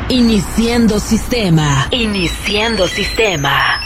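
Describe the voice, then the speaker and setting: A woman voicing a female robot computer booting up, with a synthetic system voice and slow, flat announcing. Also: medium pitch. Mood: mechanical. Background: loud jingle music.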